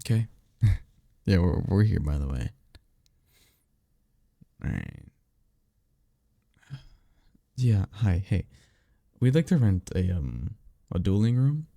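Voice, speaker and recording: Slow and pausing often, with big pitch swings, a man gives full character voice to a cocky vampire mentor in a roleplay audio. His deep, gravelly tone is mellow and close-miked on a dry recording, and he teases in casual, upbeat slang with a former archmage's offhand confidence.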